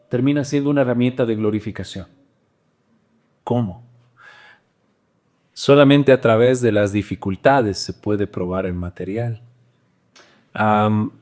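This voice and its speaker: A man preaching a sermon as pastor, animated, with wide swings in pitch and loudness.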